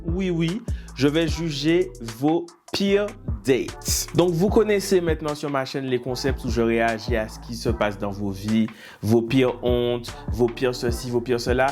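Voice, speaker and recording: A man's voice: mid-range voice, unhurried, darkish tone, soft background music. A man hosting a reaction video, reading viewers' dating stories aloud with teasing, mock-outraged asides.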